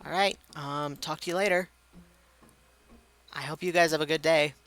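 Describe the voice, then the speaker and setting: A tired man streaming a game and chatting casually with his viewers, rambling and self-mocking. His medium voice has a gravelly fry and a bright, smooth edge. Faint game music plays underneath. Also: a little high, fairly even intonation, moderate pace. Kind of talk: casual live-stream commentary.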